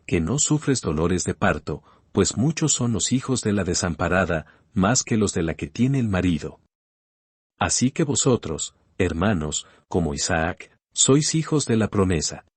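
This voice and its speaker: A man reading scripture from a script as a Bible narrator, in a solemn, booming biblical narration manner with a husky voice. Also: darkish tone, dry recording.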